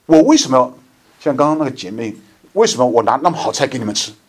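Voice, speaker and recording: Husky-voiced man preaching a sermon. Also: medium pitch, big pitch swings. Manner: conversational, reads scripture slowly and deliberately. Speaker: lay preacher. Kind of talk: sermon with scripture reading.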